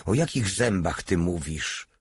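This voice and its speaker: A man's voice: low-pitched, animated, a little slow, slightly rough, dry recording, full character voice. A man reading the part of an insolent soldier who gambles and mocks his superiors in an icy tone. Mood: mocking. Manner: icy, mocking. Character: sly, mocking soldier-gambler, coolly insolent.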